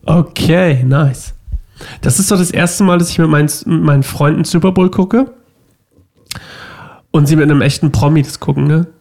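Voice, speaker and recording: A man co-hosts a relaxed podcast conversation with a playful, teasing manner. His voice sits fairly high with a gravelly edge and still sounds a little scratchy. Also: normal speed, long pauses. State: slightly scratchy voice. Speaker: podcast co-host. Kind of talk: casual chat.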